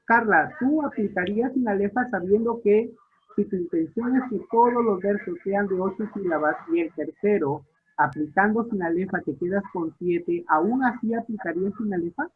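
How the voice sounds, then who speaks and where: A man's voice: high-pitched, moderate pace, a little hiss or hum. A male literature teacher, lecturing an online class, questioning students and repeating key points. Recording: tinny phone-like audio line.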